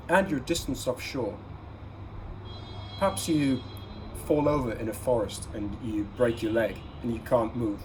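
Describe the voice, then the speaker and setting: Talking at medium pitch in a somewhat mellow voice, the host of a casual everyday-carry gear vlog guides viewers through products, giving advice and emphasizing important words. It's a low-quality recording with clearly audible ambient noise behind him.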